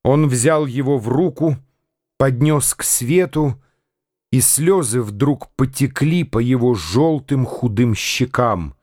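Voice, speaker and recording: A man narrating a radio drama in a measured, literary storytelling manner. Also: mid-range voice, lively intonation, a little mellow, dry recording, studio quality.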